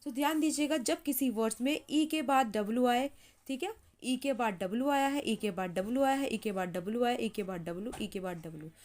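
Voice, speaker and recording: A woman teaching English pronunciation in Hindi, repeating each word slowly as she writes it and checking in with "ठीक है" again and again. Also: fairly high pitch, darkish tone. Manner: repeats words slowly while writing, says "ठीक है" often. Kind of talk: slow explanatory lesson.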